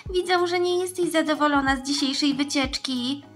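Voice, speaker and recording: Woman voicing a caring girl, very high voice. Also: moderate pace, a bit bright. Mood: chatty. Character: caring, cheerful older girl in a doll story. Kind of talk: acted children's doll-game story. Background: background music.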